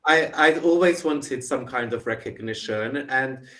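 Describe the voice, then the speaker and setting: An online English tutor from England, with a London accent, chats casually on a video call from his UK home, full of encouragement and frequent questions. He has a mid-range voice, pushed and bright, with a measured pace.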